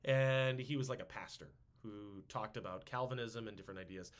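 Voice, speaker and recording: A man's voice: on the low side, a little fast. A man hosting a casual history podcast, joking around and slipping into silly voices. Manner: animated, jokey, puts on silly voices. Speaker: podcast host.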